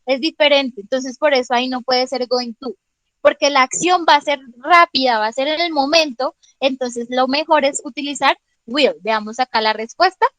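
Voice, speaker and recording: High-voiced woman teacher quizzing students. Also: normal speed, a bit bright, no echo, poor audio. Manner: patient, checks understanding with frequent questions; calls on students by name. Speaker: English teacher. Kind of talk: online class explanation.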